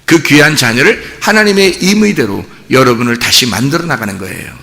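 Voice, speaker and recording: A male pastor preaching a sermon, telling the story with lively acted-out dialogue. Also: mid-range voice, fairly quick, vocal fry, long reverb tail. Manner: animated storytelling, acting out dialogue. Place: church sanctuary.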